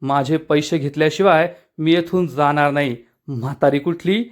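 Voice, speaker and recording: A man's voice: a little high, moderate pace, pitched below the performer's own voice, natural voice. A man reading the lines of an angry rickshaw driver who makes blustering demands.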